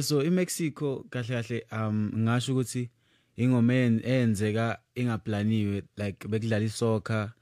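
A young man in his twenties, a musician guest answering interview questions in a halting way full of fillers. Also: lowish voice, a little mellow, no echo, studio quality. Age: 20s.

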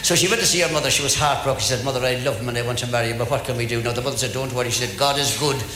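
An Irish stand-up comedian tells jokes very fast in a mid-range, bright, forceful voice with an Irish accent, repeating phrases for effect as he spins his story. The recording is from an echoey hall with faint background noise.

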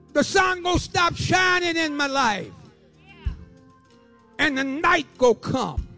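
Speaking at an extremely high pitch, a man in his seventies offers an ardent testimony in preaching style. He leans on rhythmic repetition and breaks out into shouting and half-sung passages.

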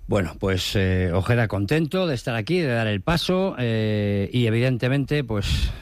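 A man's voice: on the low side, animated, normal speed, dry recording. A man reporting sports news on the radio in a conversational way with fillers.

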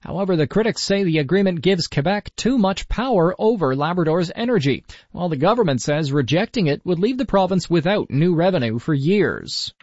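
A man with a fairly high voice reads the news in a steady, formal way. It comes through an AM radio broadcast, so the sound is muffled and lo-fi. The delivery is close and dry, with no room echo. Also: fairly quick. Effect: heard over AM radio. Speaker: newsreader. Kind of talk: scripted news bulletin.

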